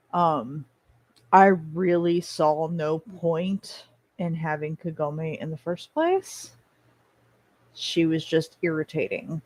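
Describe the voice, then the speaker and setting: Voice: mid-range voice, no room sound. A person chatting casually and bluntly to viewers in an opinionated, rambling way, swearing at times and chewing while talking. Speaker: vlogger.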